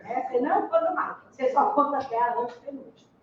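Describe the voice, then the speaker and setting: A woman's voice: high voice, quick pace, a little hiss or hum. A woman teaching Portuguese in an exam-prep lecture, explaining step by step and checking in with her students. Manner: explains step by step, asks "né?" and "entendeu?". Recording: echoey room, distant dull mic.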